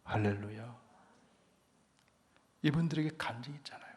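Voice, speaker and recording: Middle-aged man, pastor preaching, mid-pitched, hushed-to-emphatic swings, long church reverb. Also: moderate pace. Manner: swings between hushed near-whispers and loud emphatic rises. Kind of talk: sermon. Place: church sanctuary.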